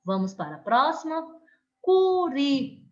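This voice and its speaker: A Brazilian woman teaches children in an online lesson, speaking in an unhurried, slightly high voice. She lingers on the key words and keeps coaxing her pupils to follow along. The recording sounds dull and lo-fi. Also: lively intonation, a bit bright. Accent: Brazilian Portuguese. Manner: slow, drawn-out stressed words, coaxing children. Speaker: primary school teacher.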